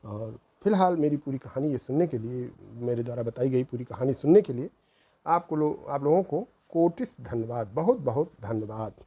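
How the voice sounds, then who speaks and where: A man's voice: mid-range voice, expressive, normal speed, warm tone, dull audio. A middle-aged man, host of his channel, earnestly telling a true family story in a reproachful, moralizing way, repeating phrases for emphasis.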